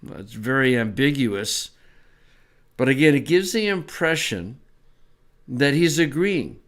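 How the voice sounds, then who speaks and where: A man teaching a Bible lesson in a relaxed, conversational way, with small asides as he explains. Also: mid-range voice, slow.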